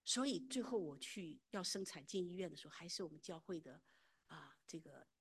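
A woman's voice: lowish voice, animated, fairly quick, slightly rough. A middle-aged woman telling a personal faith testimony in an earnest, emotional way, often sinking to a near whisper. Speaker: church member giving a testimony.

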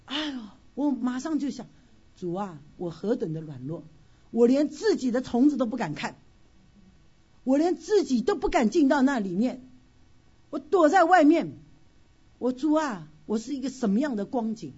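A woman tells an emotional personal testimony at church, her fairly high voice swinging up and down as she sighs through her story. Her tone is mellow and a little husky. The recording sounds dull and lo-fi. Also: normal speed. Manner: expressive storytelling with frequent sighing exclamations. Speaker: church member sharing a testimony.

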